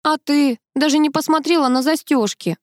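Whimpering touchy lady guest, read by a woman, high and whiny, dry sound. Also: moderate pace, no echo, lightly acted. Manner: whiny, sniffling, pleading. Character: tearful touchy woman guest, doll maker.

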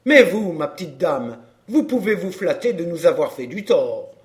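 A man's voice: a little high, very animated, normal speed. A man voicing a down-and-out middle-aged fairground clown in an audiobook, talking in coarse, grumbling slang. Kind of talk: audiobook character reading.

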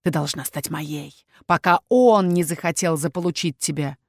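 A woman's voice: deep voice, normal speed, dry recording. Woman voicing possessive young dragon-shifter man, insistent near-whisper, storybook read, dead-dry booth. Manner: hushed, insistent, heated whisper. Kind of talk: audiobook character voice.

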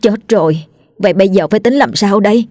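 A woman's voice: medium pitch, a little fast, a little mellow, no echo, faint music behind, close to an everyday voice. A woman voicing a frightened young village woman who stammers and trembles as she speaks. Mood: alarmed.

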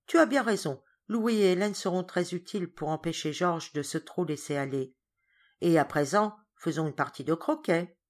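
Brief: woman reading a cheerful kind girl, bright and encouraging, storybook. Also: lowish voice, normal speed, close to an everyday voice.

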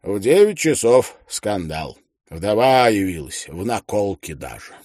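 A man's voice: fairly low pitch, very animated, a little slow, a little mellow, no echo, clean studio sound. A man narrating a satirical diary in a wry, ironic storytelling manner. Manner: wry, ironic storytelling, vivid character switches. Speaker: audiobook narrator.

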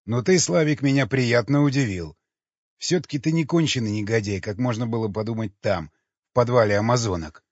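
A man reading an audiobook, voicing a cynical, mocking cannibal who teases and calmly questions. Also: medium pitch, fairly quick, no room sound, natural voice. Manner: sardonic, teasing, calmly questioning. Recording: dull lo-fi recording.

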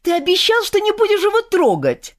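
A woman voicing an indignant young woman who scolds in a high, pleading voice. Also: huge pitch swings, brisk, full character voice.

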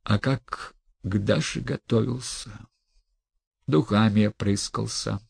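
A man voicing an imperious aging noblewoman who scolds in shrill outbursts and hissed whispers. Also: slow, creaky, darkish tone, breathy edge, no echo, full character voice. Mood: hissing. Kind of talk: audiobook character reading.

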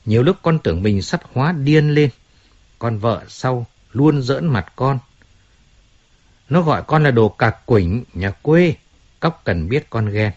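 A self-pitying fallen star moans about his ruined life, as a man reads him out. His voice sits a little higher and rougher, full of complaint. The storybook recording sounds slightly dull. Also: darkish tone. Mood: bitter ranting. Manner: complaining, pleading, resentful. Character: self-pitying washed-up male singer, whining, bitter.

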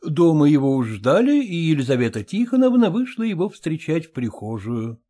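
Husky-voiced male audiobook narrator. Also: on the high side, very animated, normal speed, dark tone. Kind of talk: scripted narration.

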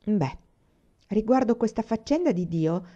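A woman's voice: mid-range voice, lively intonation, a little fast, mellow, highs cut off, lightly acted. A woman voicing a blunt, stubborn orphan girl with a gloomy, matter-of-fact way of talking, read as an audiobook.

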